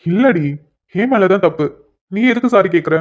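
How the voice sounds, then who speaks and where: A woman voicing a shy young husband in a cartoon, speaking softly and apologetically one moment and teasing his wife the next. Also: medium pitch, lively intonation, normal speed, lightly acted. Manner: soft, apologetic then playfully teasing. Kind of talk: cartoon dialogue voice acting. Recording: dull lo-fi recording.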